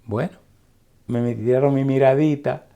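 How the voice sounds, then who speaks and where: A man's voice: medium pitch, fairly even intonation, unhurried, creaky, dark tone, clear, resonant tone. A man preaching a sermon as pastor, fervent, reading scripture and sighing to himself between points.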